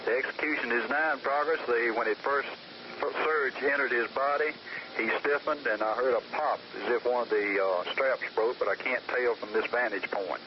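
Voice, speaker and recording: A man's voice: mid-range voice, normal speed. A man on an old archival recording, a prison official giving a formal, matter-of-fact step-by-step report over a line. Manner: steady, matter-of-fact, procedural. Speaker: prison official narrating an execution. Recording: muffled noisy old tape recording.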